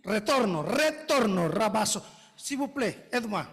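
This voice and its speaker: Brief: high, bright male preacher, shouting praise in a cathedral echo. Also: expressive, measured pace, slightly rough. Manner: shouting, exclaiming hallelujah. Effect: long cathedral-like echo in a reverberant hall. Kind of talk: fiery sermon in short phrases for an interpreter. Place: large echoing church hall. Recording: long hall reverb over a PA.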